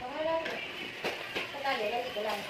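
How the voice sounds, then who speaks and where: A woman's voice: high-pitched, a little slow. A woman speaking as a mother, chatting casually in a home cooking vlog. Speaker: mother cooking with her child. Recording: roomy echo, loud household noise.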